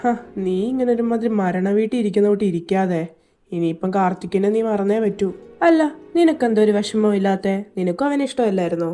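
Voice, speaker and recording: A woman's voice: mid-range voice, expressive, brisk, dark tone, soft background music. A woman reading a fan fiction audio drama, playing every role in teasing, bantering dialogue.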